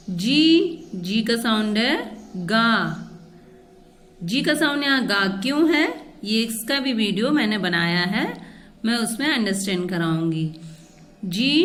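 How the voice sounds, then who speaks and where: A woman's voice: on the high side, a bit bright. A woman teaching a phonics lesson for children, spelling each word letter by letter before saying it, mixing Hindi with English teaching phrases. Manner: spells out letters one by one, then says the word.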